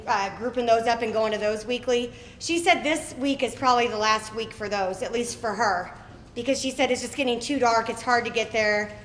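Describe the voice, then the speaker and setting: High-voiced upbeat woman hosting a meeting. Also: fairly bright tone. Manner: chatty, upbeat, thinks aloud with fillers. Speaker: club meeting host. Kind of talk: casual club announcements. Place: running store meeting room. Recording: echoey room, faint noise.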